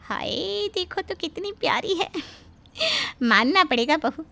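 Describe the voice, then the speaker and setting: A woman voicing a cunning, sweet-talking middle-aged aunt in an animated story, with a wheedling, flattering manner. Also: high voice, measured pace, heavily acted.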